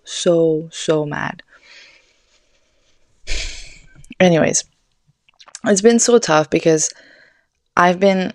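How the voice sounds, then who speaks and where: A young woman host spins a loose, animated story, full of swears and "like". Her voice sits low for a woman. The sound is dry, with no room around it. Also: dry recording. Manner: rambling, animated, swears often, fillers like "like". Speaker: podcast host. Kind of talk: casual storytelling monologue.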